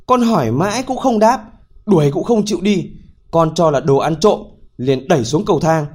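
A man puts on a foolish young hero for a spoken folk tale, his voice pushed up high and a touch louder than the narration. He talks bluntly, pleading when scolded. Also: animated, normal speed.

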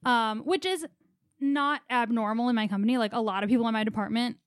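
In a dry, studio-quality recording, a young woman co-hosting a casual podcast chat speaks a little fast in a slightly high voice. Her storytelling runs long, chatty, rambling and anxious.

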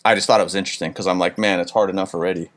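A man's voice: sits low, steady tone, racing. A man hosting an interview, asking thoughtful, somewhat hesitant questions in a casual way. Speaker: interviewer, podcast host. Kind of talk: casual conversation.

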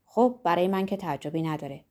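Woman reading as a calm matter-of-fact young guy, mellow tone. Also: fairly low pitch, natural voice. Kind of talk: audiobook reading.

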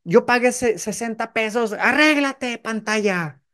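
Brief: male performer as furious woman yelling at a cinema screen, shrill and much higher. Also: measured pace, clear, resonant tone, exaggerated voice. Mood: shrill, indignant. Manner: shrill and scolding.

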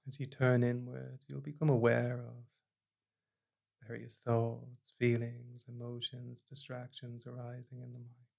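A man leading a guided meditation, speaking slowly and calmly, his phrases trailing off softly at the ends. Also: mid-range voice, gravelly. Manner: slow, calm, soft-spoken, trailing off quietly at phrase ends. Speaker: meditation teacher.

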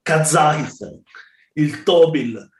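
A man hosting a football podcast, chatting quickly and playfully with friends over a call. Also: on the high side, echoey room. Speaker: podcast host. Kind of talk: casual group chat on a call.

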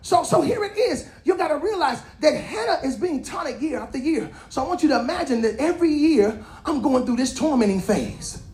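A woman preaching a sermon, teasing and calling out to the congregation, swinging between shouted lines and quiet asides. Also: high voice, a little fast, hardly any pauses, reverberant. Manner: lively, calls out and teases the congregation.

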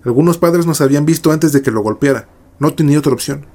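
A man narrating a first-person horror story in a measured, dramatic way. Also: on the high side, warm tone.

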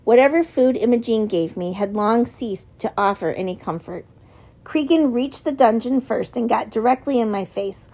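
A woman's voice: on the high side, normal speed, warm tone. A woman reading a novel aloud as an audiobook narrator, giving the characters slight shifts in voice.

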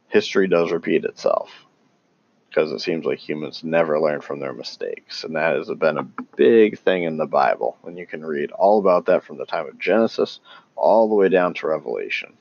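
Very deep, gravelly, slow-talking man. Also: highs cut off. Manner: halting, many ums and restarts; calls himself tongue-tied. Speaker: religious commentator. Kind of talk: casual unscripted talk on scripture.

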